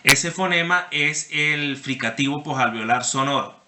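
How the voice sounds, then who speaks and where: A university lecturer with a fairly high voice speaks at a measured pace, teaching online in a reverberant space with background noise. He explains things step by step, addresses students by name, and keeps checking that they follow with a frequent "¿sí?"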